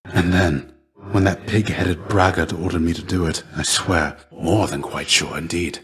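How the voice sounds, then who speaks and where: This clip features a middle-aged man performing a game character: a tired yet kind warrior spirit and mentor. He speaks with measured, courteous, old-fashioned formality in a deep voice with soft edges and a steady tone, coming across as warm and humble.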